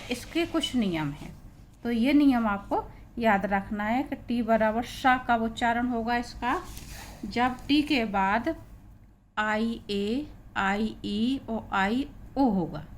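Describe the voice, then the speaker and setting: A woman with an Indian accent and a fairly high voice teaches English pronunciation in a classroom, taking her time. She spells each word letter by letter and repeats every sound, with slight background noise.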